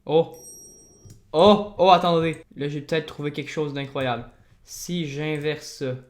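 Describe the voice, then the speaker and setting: A man with a Québécois accent chats his way through a vlog as he works. He is excitable and bursts into loud, happy exclamations whenever something goes well. His voice carries a roomy echo. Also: a little high, measured pace. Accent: Québécois French. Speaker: video editor and YouTuber. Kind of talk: casual vlog commentary while working.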